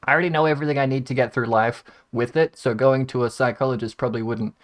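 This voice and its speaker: A man's voice: medium pitch, fairly even intonation, fast. A young man, a gaming content creator, telling a rambling, self-mocking story in casual chat to his viewers. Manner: rambling, jumps between tangents, wry and self-mocking.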